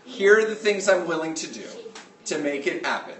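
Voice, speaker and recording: A man's voice: fairly high pitch, sing-song, fairly bright tone. Male teacher addressing a class, roomy distant sound. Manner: halting, repeats okay to check attention. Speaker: middle school teacher. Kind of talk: informal announcement to a class. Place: indoor classroom with students. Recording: roomy classroom, distant mic, faint noise.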